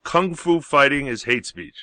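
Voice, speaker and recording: A man's voice: mid-range voice, lively intonation, unhurried, pushed and bright, no echo. Blunt, grumpy talk radio host man. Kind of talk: casual talk radio chat and news reading.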